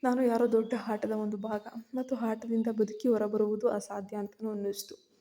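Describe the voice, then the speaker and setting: Female storyteller, tense and fearful first-person narration, soft dark tone. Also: medium pitch, flat delivery, normal speed.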